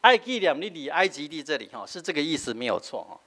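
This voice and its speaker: Middle-aged Taiwanese-accented pastor, teaching sermon, slightly high and very animated delivery, habitual "hah" tags. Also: male voice, fast talker. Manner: explanatory, frequent filler "hah" tags, switching between Taiwanese and Mandarin.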